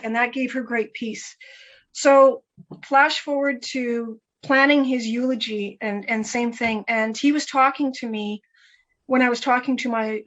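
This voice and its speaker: A woman talks through a personal story as an interview guest, her voice sitting a little high. She is animated, restarts and repeats phrases, and slips into the voices of the people she quotes. The recording sounds dull and a bit lo-fi. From Canada.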